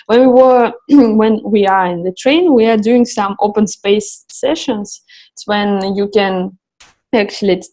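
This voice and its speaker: A woman answers interview questions, pausing often to find her words. Her voice is worn and getting hoarse. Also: medium pitch, dark tone, low-quality recording. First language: Russian. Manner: searching for words, many restarts and fillers. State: losing her voice. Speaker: founder of a travel project.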